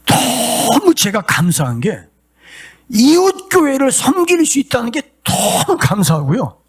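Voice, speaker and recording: A middle-aged male pastor preaching a sermon, shifting from plain talk to impassioned shouts and sung cries. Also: very high voice, husky.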